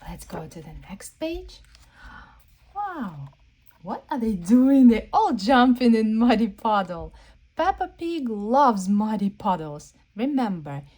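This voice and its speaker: Here a female storyteller shares a picture book with small children, pausing to pose slow questions and sounding amazed at every turn. The read-aloud is interactive, and her mellow voice moves through a very animated range of pitch.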